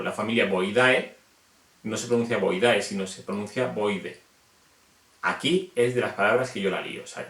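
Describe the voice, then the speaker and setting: A man's voice: fairly low pitch, fairly bright tone. A man from Spain with a Spanish accent, chatting casually and self-deprecatingly as he explains something to viewers in a video. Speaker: reptile hobbyist explaining names. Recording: echoey room.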